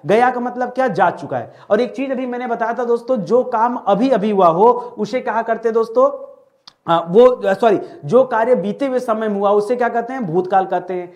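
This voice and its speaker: A man teaching a grammar lesson online, who keeps asking the class a question and answering it himself, repeating key terms as a drill. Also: high-pitched. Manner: asks a question and answers it himself, calls listeners friends.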